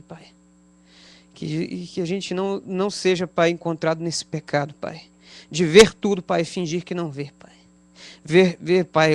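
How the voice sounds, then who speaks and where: A man with a Brazilian Portuguese accent, a pastor leading a spontaneous prayer in a church service, fervently calling on God and Father between every phrase. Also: on the high side.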